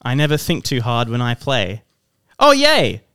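A bratty little boy gloats through a sing-song rhyme, his voice bright and crisp as it jumps high, as a man puts him on. The brattiness is on the surface, with a smug bounce. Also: wildly swooping pitch, measured pace, no room sound, studio quality, exaggerated voice. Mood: gloating. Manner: sing-song rhyming recital.

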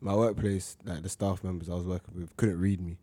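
A young man talks casually in a London accent. His voice is on the low side, and he uses plenty of slang as he chats and recounts things. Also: steady tone, fairly quick, dark tone, husky, dry recording. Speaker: school staff member.

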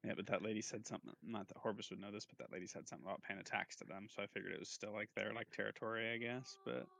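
Man, tabletop player, rambling, hesitant, bright tone, gravelly. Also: on the low side, very fast, dry recording. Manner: rambling, hesitant, swears casually. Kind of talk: casual tabletop game chat.

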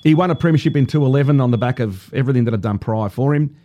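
A man's voice: mid-range voice, very fast, dark tone, lo-fi sound. A man with an Australian accent giving casual football commentary as a panellist on a sports show.

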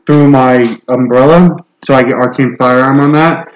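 A man's voice: mid-range voice, steady tone, normal speed, reverberant, poor audio. A man playing a tabletop game who jokes around in a playful, easy way. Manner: joking and playful. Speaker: player.

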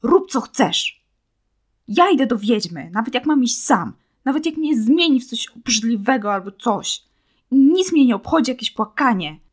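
A woman reading a storybook and voicing a frightened, stubborn young boy who pleads and shouts in anger. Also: high-pitched, expressive, normal speed, voice pushed up. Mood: furious.

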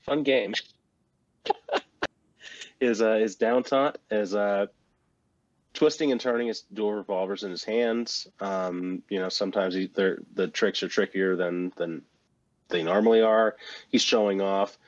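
Low-voiced man rambling about games. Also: a little slow, pauses often, dry recording, lo-fi sound. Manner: relaxed, rambling, frequent ums and restarts. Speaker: co-host presenting a game moveset. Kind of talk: casual chat about video games.

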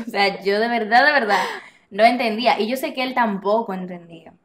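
A woman guest on a podcast, telling a personal story in casual conversation, animated and acting out the dialogue she quotes. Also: a little high, normal speed, noisy background. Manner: animated, acts out quoted dialogue, frequent restarts and laughs.

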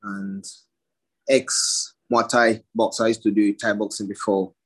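Young male boxer guest from Somalia; husky, low-set voice, short easygoing answers. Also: level tone, measured pace. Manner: short plain answers, laughs often. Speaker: interview guest, professional boxer. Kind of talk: casual interview answers.

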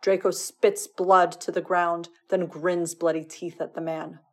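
A woman narrating a fan fiction audiobook with a dramatic, expressive reading of the action. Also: on the low side, measured pace. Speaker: podfic reader.

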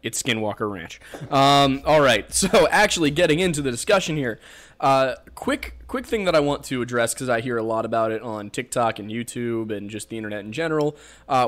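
A man's voice: medium pitch, a bit bright. A man with a Pennsylvania accent hosting a casual podcast, rambling and joking as he explains folklore with plenty of fillers. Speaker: podcast host.

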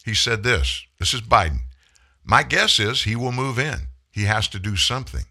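A man's voice: fairly low pitch, lively intonation, moderate pace, pushed and bright. A man hosting a political commentary monologue, folksy and sarcastic. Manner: folksy and sarcastic, mocking voices when quoting. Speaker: commentary host.

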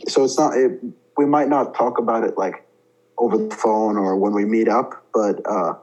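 Thoughtful young man, lowish voice. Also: moderate pace, darkish tone, highs cut off. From India. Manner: thoughtful, with many fillers and restarts. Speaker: student guest. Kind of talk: casual interview talk.

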